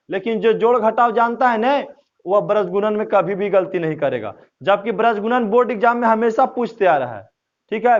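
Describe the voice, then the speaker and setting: High-pitched male maths tutor, quizzes himself aloud, dull lo-fi sound. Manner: addresses students as "babu", asks and answers his own questions. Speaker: maths teacher. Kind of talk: classroom maths lesson. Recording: dull lo-fi recording.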